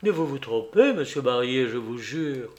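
A man's voice: medium pitch, expressive, moderate pace, close to an everyday voice. A man voicing an anguished young man, torn by guilt, who speaks in a tense and earnest way.

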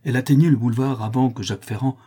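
A man's voice: medium pitch, steady tone, racing, warm tone, slightly rough. A man narrating a classic novel as an audiobook in a dramatic storytelling manner.

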